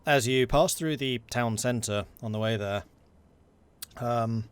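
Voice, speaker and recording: A man narrating scenes as game master in a tabletop game, in a measured storytelling manner. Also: mid-range voice, clean tone.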